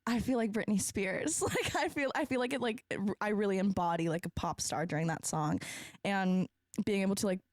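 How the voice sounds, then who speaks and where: A woman's voice: mid-range voice, fairly quick, no echo. A young woman, a pop singer guest, chatting in a bubbly, casual way and swearing lightly. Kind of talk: casual interview chat.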